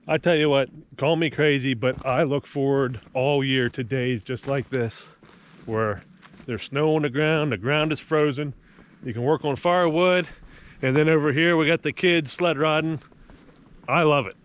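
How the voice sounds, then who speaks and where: A man talking casually to his viewers while doing firewood work outdoors. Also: fairly high pitch. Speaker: vlogger working on firewood. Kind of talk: casual outdoor vlog chat. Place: outdoors on snowy ground. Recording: noisy outdoor recording.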